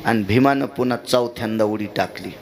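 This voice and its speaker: A man preaching a kirtan, telling folksy stories with acted quotes and sudden high-pitched shouts. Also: a little fast. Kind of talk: Marathi kirtan storytelling sermon. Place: kirtan gathering with audience. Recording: live recording with audience crowd noise. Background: audience crowd.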